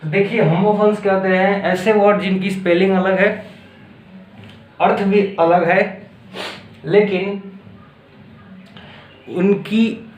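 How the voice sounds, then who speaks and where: A man with an Indian accent teaches a grammar lesson, speaking very slowly and deliberately and checking in often. His voice sits a little high for a man. The recording is echoey, with a faint hum of background noise. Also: fairly even intonation. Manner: slow, deliberate explaining with frequent checks like "okay?". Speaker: English teacher. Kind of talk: classroom-style grammar lesson mixing Hindi and English.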